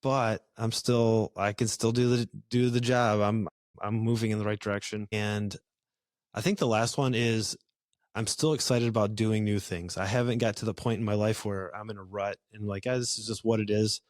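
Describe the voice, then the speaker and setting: A man's voice: fairly low pitch, level tone, normal speed, no room sound, studio quality. A man hosting a podcast, chatting casually in an easygoing way with lots of fillers and restarts. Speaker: podcast host. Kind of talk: casual conversation.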